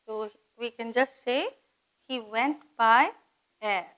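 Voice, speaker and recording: Casting note: woman, patient exam-prep grammar teacher, very unhurried delivery. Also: fairly high pitch, fairly bright tone, poor audio. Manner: slow and deliberate, spelling words out and asking rhetorical questions. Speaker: English teacher. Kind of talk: grammar lesson for exam students.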